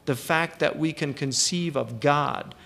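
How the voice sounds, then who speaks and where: A man's voice: fairly high pitch, measured pace, gravelly, a bit bright. An older man giving a thoughtful religious lecture as a teacher, often repeating words and reciting verses.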